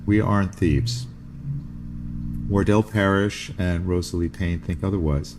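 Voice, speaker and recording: A man with a very low voice reads a first-person novel aloud at a measured, unhurried pace. His delivery is steady, and faint noise sits behind him. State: sneezing from allergies. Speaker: podcast host reading a novel.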